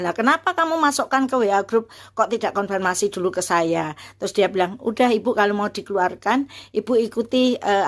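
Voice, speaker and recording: A woman in her fifties, a university lecturer, telling a personal story in a casual, animated way, many fillers and restarts, acting out the voices she quotes. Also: mid-range voice.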